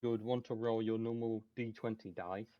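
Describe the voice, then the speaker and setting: A low-voiced man runs a tabletop game session, halting and full of ums as he explains the rules. His voice comes through dull, lo-fi call audio. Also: fairly even intonation. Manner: hesitant, many fillers. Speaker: game master.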